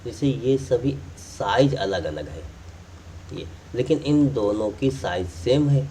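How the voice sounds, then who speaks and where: A man's voice: mid-range voice, lively intonation, takes it slowly, mellow, distant mic, slight background noise. A man teaching math, explaining step by step while drawing and repeating key points. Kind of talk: classroom explanation.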